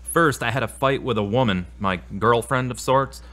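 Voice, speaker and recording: In a scripted audio drama that includes dialogue and a spoken prayer, a man plays a troubled therapy patient full of self-doubt. His medium-pitched voice is bright and forceful, close to how he'd normally talk, at an ordinary speed. He sounds earnest and confessional, frustrated and uneasy.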